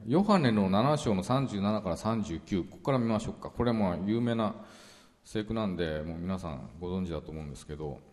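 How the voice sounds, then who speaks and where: A man preaching a relaxed, chatty Bible teaching sermon, full of fillers and asides. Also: deep voice, brisk. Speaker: pastor. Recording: long reverberant hall sound.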